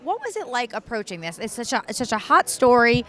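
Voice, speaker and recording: Higher-pitched woman, red carpet interviewer. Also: sing-song, fairly quick, a bit bright. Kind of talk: event interview. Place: red carpet at an awards event.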